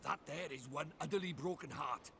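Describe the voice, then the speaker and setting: A man's voice: on the high side, moderate pace, a bit bright, a little hiss or hum. A man voicing a chatty little fairy sidekick in a video game, folksy and knowing. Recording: game audio with faint ambience.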